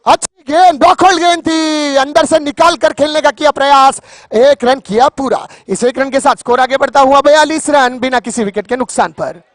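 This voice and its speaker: A man giving excited live cricket commentary in a theatrical, poetic way, repeating phrases for emphasis. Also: extremely high pitch, moderate pace, no room sound. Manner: poetic, breaks into recited verse.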